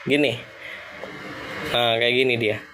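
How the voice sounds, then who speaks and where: A man's voice: medium pitch, fairly even intonation, takes it slowly, noisy background. Chatty man. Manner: chatty, loose, mixing in English thanks. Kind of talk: casual live-stream chat.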